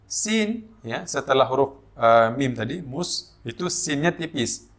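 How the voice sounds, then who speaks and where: Indonesian male Quran teacher, unhurried explainer who breaks into slow chanted examples. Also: medium pitch, a bit bright. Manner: explains slowly with many fillers, then chants drawn-out recitation examples. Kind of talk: tajwid lesson with demonstrations.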